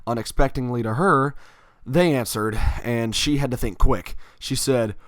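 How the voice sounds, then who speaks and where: A man's voice: medium pitch, measured pace, no echo. A man telling a personal story in a casual, rambling way, with fillers and little self-corrections.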